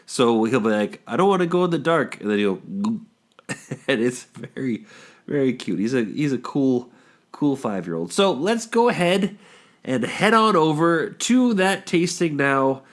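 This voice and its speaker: A man's voice: medium pitch, lively intonation, unhurried. A man in his thirties hosting a podcast in casual, rambling chat, stuffed up from a cold. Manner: rambling, jokey, lots of fillers. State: congested from a cold. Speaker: podcast host.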